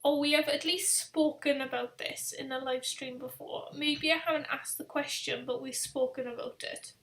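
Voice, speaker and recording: Woman, high voice, tired, rambling quiz host, echoey room. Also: steady tone, fairly bright tone. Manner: chatty, rambling, reads questions out slowly and repeats them. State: tired, yawning. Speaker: quiz host on a live stream. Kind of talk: casual live-stream chat.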